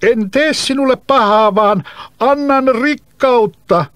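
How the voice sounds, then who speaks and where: A man voicing a huge, scheming male spirit trapped in a bottle, calling out in slow, drawn-out phrases in a storybook reading. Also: a bit bright, reverberant, long reverb tail. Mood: begging. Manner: slow, drawn-out, booming calls.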